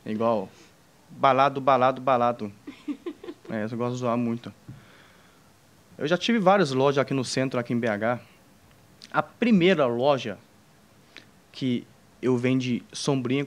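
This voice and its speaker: A young Chinese man, an entrepreneur on a panel, speaks at a mid-level pitch with a distinct Chinese accent. Telling the audience an informal story from his life, he pauses, restarts, leans on fillers and cracks little jokes with them.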